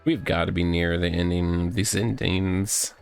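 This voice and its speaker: Over game music, a let's play host reads game text aloud and mutters exclamations through casual, wry commentary. His deep, smooth voice stays steady in tone, moves at a measured pace, and carries vocal fry.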